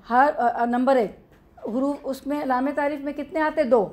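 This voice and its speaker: A woman's voice: high voice, fairly even intonation, moderate pace, darkish tone. A woman with an Urdu accent teaching a classroom grammar lesson, explaining step by step and answering her own questions.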